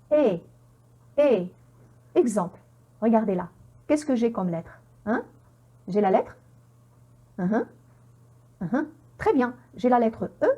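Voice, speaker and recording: Woman teacher drilling words for learners, slow and careful, swoopy voice. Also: fairly high pitch, dark tone, husky. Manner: repeats words slowly for learners and quizzes the viewer; encouraging, with frequent "hein?" checks. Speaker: French pronunciation teacher. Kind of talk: online language lesson.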